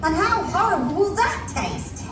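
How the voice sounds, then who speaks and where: A woman's voice: very high-pitched, very animated, normal speed, far from the mic. A woman playing an earnest, timid little girl in a children's puppet show, with exaggerated childlike delivery, in an echoey theatre. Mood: hurried, earnest. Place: indoor theatre, recorded from the audience area. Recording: echoey theatre from afar, music behind.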